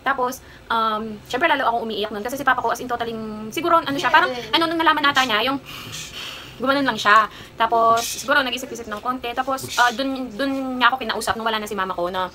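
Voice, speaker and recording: A Filipina vlogger in her twenties with a Kapampangan accent chats casually in a haul vlog, rambling through a personal story with plenty of fillers. Her voice is fairly high, fast, bright, and pushed, and the recording quality is low.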